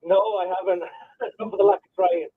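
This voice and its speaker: Man, radio caller, on speakerphone, tinny phone line, high voice, polite and grateful. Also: steady tone, normal speed.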